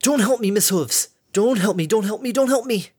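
A man voicing a brash, sarcastic adult female pegasus pony who yells taunts and mild curses. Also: sits high, very animated, slow pace, breathy edge, no echo, clean studio sound, pitched above the performer's own voice, exaggerated voice. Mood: frantic, exasperated. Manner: loud, sarcastic, cursing mildly.

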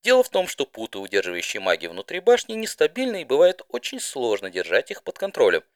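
A man voicing a regal princess mare who speaks in a formal, stately, measured manner. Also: medium pitch, wildly swooping pitch, no room sound, studio quality, pitched above the performer's own voice. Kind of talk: fan audiobook voice acting.

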